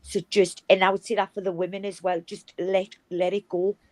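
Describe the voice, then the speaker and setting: A woman's voice: medium pitch, little pitch movement, a little fast, no room sound, poor audio. A woman on a casual livestream panel, speaking in an earnest, urging way and repeating her points.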